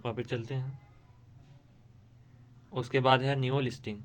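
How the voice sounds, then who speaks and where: A man's voice: medium pitch, flat delivery, a little slow. A man, hosting a screen-recorded tutorial and explaining steadily, with frequent restarts. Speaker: tutorial host.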